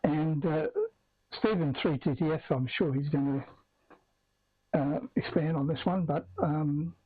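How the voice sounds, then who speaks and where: Husky Aussie man over a walkie-talkie link. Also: a little high, steady tone. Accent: Australian. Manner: chatty and halting, with fillers. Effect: heard over a radio link, like a walkie-talkie. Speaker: net presenter. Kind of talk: casual hobbyist chat on an amateur net. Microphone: lapel mic. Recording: tinny radio-link audio.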